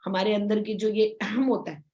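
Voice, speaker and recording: A woman's voice: mid-range voice, steady tone, moderate pace, warm tone, highs cut off. A woman spiritual teacher explaining scripture informally, in a chatty way full of tag questions.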